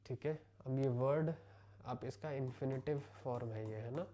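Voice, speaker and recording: A man with an Indian accent teaching English vocabulary, explaining each word slowly and repeating it in Hindi. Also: mid-range voice, dark tone. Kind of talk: vocabulary lesson.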